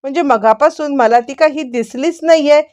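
A woman's voice: high-pitched, normal speed, darkish tone, voice pushed up, close to an everyday voice. A woman voicing a caring middle-aged mother who asks concerned, coaxing questions.

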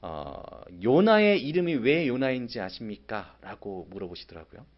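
A man preaching a sermon as pastor, acting out a prophet's angry, sarcastic complaints in sudden loud bursts. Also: mid-range voice, big pitch swings, normal speed, highs cut off. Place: church sanctuary.

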